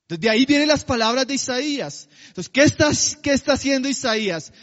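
High-voiced preacher in a reverberant hall. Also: male voice, expressive, a bit bright, muffled recording. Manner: slows to a drawn-out, emphatic cadence on key phrases; addresses the congregation with rhetorical questions. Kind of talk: sermon.

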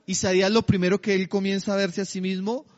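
Male preacher, very high voice, dull muffled recording, questions to the congregation, drawn-out emphasis on key lines. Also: level tone, big-room sound. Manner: slows to a drawn-out, emphatic cadence on key phrases; addresses the congregation with rhetorical questions. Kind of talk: sermon.

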